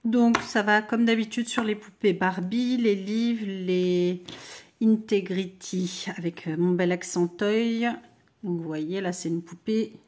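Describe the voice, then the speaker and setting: A woman's voice: mid-range voice, steady tone, slow pace, darkish tone, slight background noise. A middle-aged woman hosting a crochet tutorial, chatting with viewers as she works. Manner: chatty, talks to viewers while working. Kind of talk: crochet doll-clothes tutorial.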